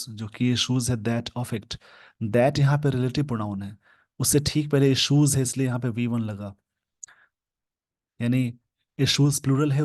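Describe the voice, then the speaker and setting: A man with an Indian accent teaching English in Hindi, explaining an editorial word by word and slowing down to read the English phrases. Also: mid-range voice, darkish tone, no echo. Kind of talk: Hindi-language English lesson reading an editorial.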